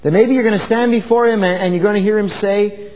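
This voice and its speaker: A man's voice: high voice, steady tone, quick pace, a little mellow, in a large hall, low-quality recording. A man preaching an earnest, conversational sermon, full of rhetorical questions. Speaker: pastor.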